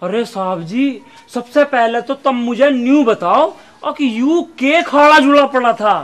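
Brief: man as a sly snitch, high voice, noisy recording. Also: unhurried. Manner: cocky, bargaining rustic talk. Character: sly village police informant, man. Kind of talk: comedy skit acting. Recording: noisy background hiss.

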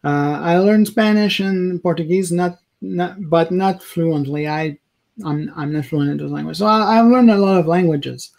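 Speaking French as his first language, a vlogger gives an informal opinion rant to camera in a small indoor room that serves as a home office. He pauses haltingly, hunts for words and corrects himself, in a higher-pitched voice with a gravelly, darkish tone.

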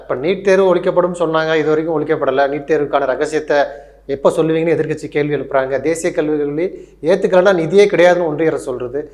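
A man's voice: a little high, fast talker, darkish tone. A man interviewing a political guest, pressing him with questions.

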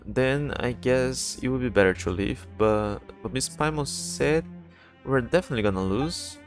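A man reading the lines of an earnest, gentle little girl telling a story, with hesitant restarts and faint game music behind. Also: medium pitch, normal speed, natural voice.

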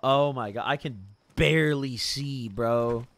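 A young man with a mid-range, fairly bright voice talks a little slowly as he chats casually on a gaming live stream. He's a slangy frat-bro type, swearing freely with laid-back hype and calling everyone "bro," "dude," and "boys."

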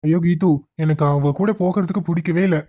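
Woman voicing a young cartoon man, curt, irritated, lowish voice, fast talker. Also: muffled recording, close to an everyday voice. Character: young man, impatient with cousin, doting on girlfriend.

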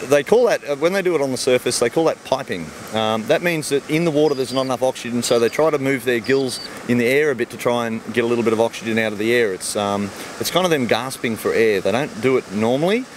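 A middle-aged Australian fish farmer with a mid-range voice talks briskly about his farm, answering kids' questions in an outdoor interview beside the ponds. He's relaxed and easygoing, explaining things plainly with everyday comparisons. He speaks into a handheld mic held by the interviewer, and a faint ambient hum sits in the background.

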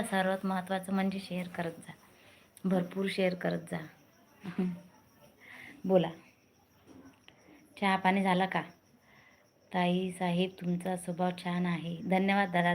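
Woman, live-stream host; chatty and coaxing, many thank-yous; phone mic, faint noise. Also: mid-range voice. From Maharashtra, India. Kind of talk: casual live-stream chat.

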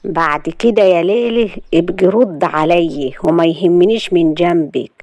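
A woman voicing a menacing young male blackmailer with an Egyptian accent, who talks in a slow, mocking and bossy way. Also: fairly low pitch, darkish tone, close to an everyday voice. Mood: taunting.

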